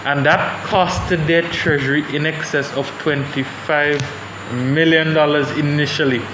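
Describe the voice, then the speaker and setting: A young man from Saint Vincent and the Grenadines speaks on a panel, thoughtful and hesitant, restarting often. His voice is a little high, with fairly even intonation and an unhurried pace. The room echoes and has background noise.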